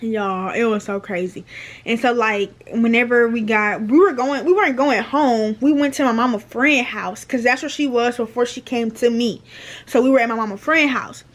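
Chatty high-voiced young woman vlogger. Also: moderate pace. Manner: chatty, slangy, repeats phrases. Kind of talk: casual storytime.

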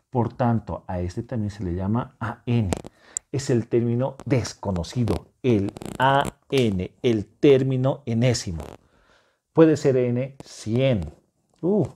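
A man's voice: medium pitch, dark tone, husky. A man teaching a math lesson to secondary students at a whiteboard. He explains step by step, reassures the class, and keeps checking that they follow. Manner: patient, explaining step by step with frequent check-in questions.

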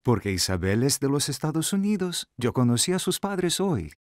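Man doing cartoon dad, kind n patient, lively melody, dry close sound. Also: mid-range voice, moderate pace, dry recording, lightly acted. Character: kind, reassuring father explaining things patiently. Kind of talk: children's cartoon dub acting.

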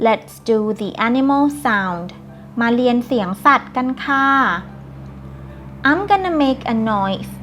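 A woman teaching English phrases to children, saying each line clearly and translating it. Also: a little high, very animated. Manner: clear, slow teacherly pronunciation with Thai translations. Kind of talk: bilingual phrase lesson, slow repeated English lines. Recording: soft background music.

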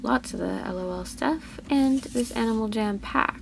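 Casual female toy vlogger, easily delighted, a little fry in the voice, store noise faint. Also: a little high, moderate pace. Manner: chatty, easily delighted, gushing over toys. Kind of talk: casual toy-hunt commentary.

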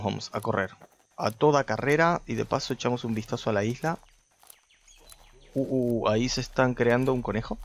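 A man giving let's play commentary, talking to viewers and shooting up in pitch when startled. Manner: excitable, talks to viewers, jumps high when startled. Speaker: gaming video host.

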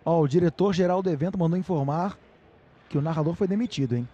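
A man's voice: fairly high pitch, fast talker, mellow, muffled recording. A Brazilian man working as a sports commentator, calling live play-by-play in short, clipped phrases.

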